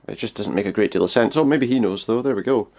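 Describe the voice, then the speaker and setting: A man's voice: on the low side, lively intonation, fast, a little mellow. A man hosting a game playthrough, musing wryly in casual commentary and reading game text aloud. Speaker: gaming video host.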